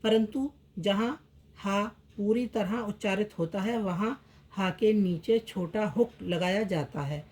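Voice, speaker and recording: A woman teaching Urdu script in a slow lesson, repeating each word several times as she writes it out. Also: mid-range voice, darkish tone. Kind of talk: slow step-by-step language lesson.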